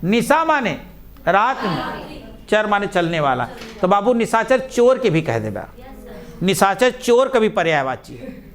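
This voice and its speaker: High-voiced slow-dictating male teacher. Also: very animated, fairly bright tone. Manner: slow, drawn-out dictation, repeating each word. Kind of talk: dictation-style Hindi vocabulary lesson.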